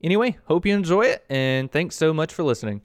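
A man's voice: on the high side, sing-song, fast talker. A man hosting a podcast, speaking in an upbeat, enthusiastic way as he introduces and interviews a guest. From United States. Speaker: podcast host.

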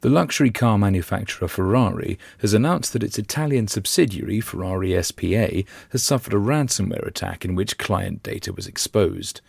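Croaky, low-voiced man reading news. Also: fairly quick, hardly any pauses, dry recording, clean studio sound. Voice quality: croaky, gravelly, husky. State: croaky voice after flu. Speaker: news podcast host. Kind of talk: scripted news narration.

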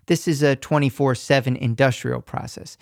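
Gravelly male radio reporter. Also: mid-range voice, fairly even intonation, darkish tone, no room sound, studio quality. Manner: measured, descriptive storytelling. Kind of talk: scripted radio feature narration.

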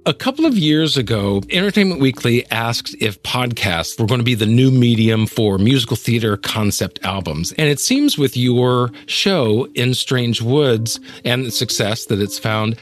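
Faint music plays behind a middle-aged host, an actor and singer, whose mid-range voice is expressive and moderately paced. He alternates between scripted narration and interviewing with a polished, articulate delivery.

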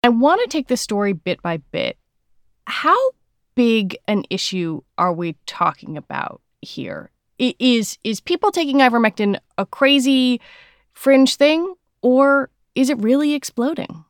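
A woman's voice: a little high, expressive, measured pace, dry recording, clean studio sound. A woman with an American accent hosting a podcast, moving between scripted narration and interview questions. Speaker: podcast host.

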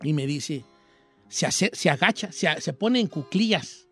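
A man's voice: on the high side, expressive, moderate pace, fairly bright tone, husky, faint music behind. A man voicing an old Mexican rancher with a Mexican accent, hosting a radio show and telling a rambling, self-mocking comic story. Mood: folksy storytelling.

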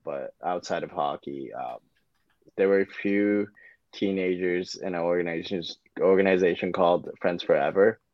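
Very low-voiced man with a North American accent. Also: no echo. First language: Japanese. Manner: hesitant, many fillers and restarts. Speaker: ice hockey player guest. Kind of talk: relaxed interview answers. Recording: dull lo-fi.

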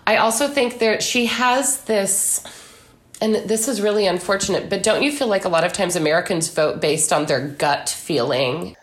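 Speaking at normal speed with a medium pitch, this female author and commentator appears as a guest in a relaxed political talk. Opinionated and chatty, she frequently quotes other people in mock exchanges, and the room echoes.

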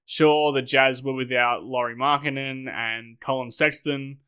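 A man hosting a podcast with a hoarse, sick voice, talking in an upbeat, wordy way. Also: mid-range voice, bright, forceful tone. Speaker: podcast host. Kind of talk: scripted podcast talk.

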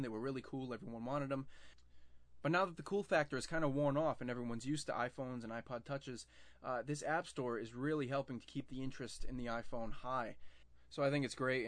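A man's voice: medium pitch, no room sound. A young man hosting a tech news podcast, talking through stories in a chatty, casual way with plenty of fillers and restarts.

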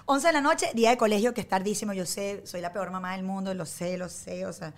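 A woman's voice: mid-range voice, a little fast. A woman guest chatting casually on a podcast, talking animatedly and laughing often. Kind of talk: casual chat.

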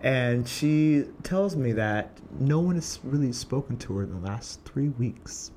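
A young man earnestly telling a personal story about growing up and joining a singing community, reflective and unhurried. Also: mid-range voice, animated, dark tone, a little hiss or hum. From Portland, USA. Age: young adult. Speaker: singer telling his story.

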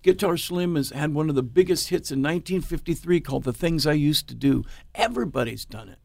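A man's voice: a little high, lively intonation, a little fast, gravelly, no room sound. A man from Oregon, a blues musician, casually tells an anecdote in an interview and acts out the quoted dialogue in different voices. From Oregon, United States. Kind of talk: casual storytelling.

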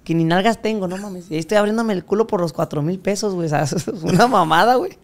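A man's voice: sits high, fast talker. A young Mexican man with a Mexican accent, telling a crude, slang-filled story in casual chat. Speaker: podcast guest telling his story.

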